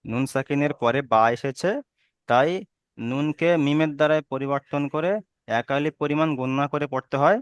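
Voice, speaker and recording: A man's voice: a little high, fairly even intonation, moderate pace, clear, resonant tone, no room sound. A man teaching Quran recitation rules online, patiently repeating each rule and checking that students understand. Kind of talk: online tajweed lesson.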